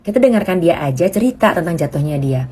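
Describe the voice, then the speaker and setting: A woman giving casual parenting advice in an expressive, reassuring way. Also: low-pitched, quick pace, breathy edge. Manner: expressive, acts out parents' remarks in quoted voices. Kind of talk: casual educational monologue.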